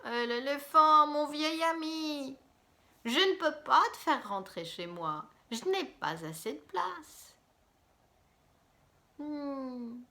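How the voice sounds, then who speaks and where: A woman's voice: lively intonation, slow, bright, forceful tone, full character voice. A woman doing the fretful deer. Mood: apologetic. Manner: fussy, apologetic, high-pitched exclamations. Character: kind fretful male deer host.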